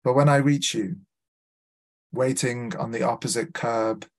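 A poet from Liverpool, England, speaking with a Scouse accent, has a medium-pitched voice and fairly even intonation. He reads deliberately at a literary festival event, prefacing each poem with a brief introduction marked by small hesitant fillers.

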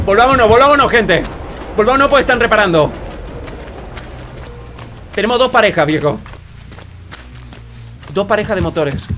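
High, bright Argentine man gaming. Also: moderate pace, pauses often, soft background music. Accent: Argentine Spanish. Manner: excitable, shouts and laughs often. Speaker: streamer. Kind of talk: gameplay commentary.

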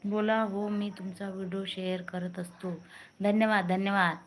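A woman's voice: mid-range voice, flat delivery, moderate pace, slight background noise. Chatty woman hosting a live stream. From Maharashtra, India. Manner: chatty, coaxing viewers to comment, frequent thank-yous. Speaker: live stream host greeting viewers. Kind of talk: casual live-stream chat.

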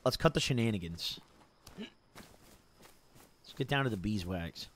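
His fairly low, fairly bright voice is animated yet slow as this young adult chats casually on a gaming live stream. He swears freely and keeps up a laid-back, slangy frat-bro hype, calling everyone "bro," "dude," and "boys."

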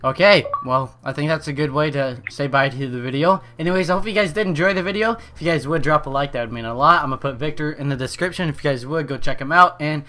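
A man's voice: fairly high pitch, quick pace, hardly any pauses, pushed and bright, a little hiss or hum. A young man giving casual gaming commentary for his channel, joking, teasing his friend and swearing casually. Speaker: gaming YouTuber.

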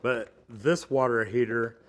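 This middle-aged plumber has a medium-pitched, steady voice and talks a little slowly as he gives a hands-on instructional demo in a metal-walled storage unit. He's plain-spoken and practical, addressing viewers as "guys." His lapel mic carries a little hiss or hum.

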